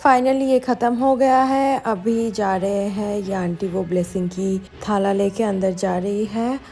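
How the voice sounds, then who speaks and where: A woman's voice: mid-range voice, fairly even intonation, measured pace, dark tone, breathy edge, soft background music. A woman from India narrating a vlog in a casual, chatty way, switching between Hindi and English. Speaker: vlogger.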